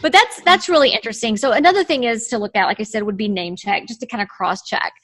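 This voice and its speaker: On a video call with her screen shared, an American woman, a trademark lawyer, gives a chatty explanation and keeps restarting phrases. Her voice is on the high side, quick-paced and fairly bright.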